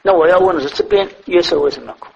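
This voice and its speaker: A man preaching a sermon to a congregation, asking many rhetorical questions and swinging between raised, emphatic phrases and soft, low ones. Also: very fast, vocal fry, lo-fi sound, slight background noise.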